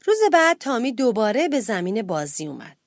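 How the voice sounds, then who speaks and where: A woman's voice: no echo, clean studio sound. Woman reading a bedtime story. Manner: expressive reading, lifts pitch for children's shouts.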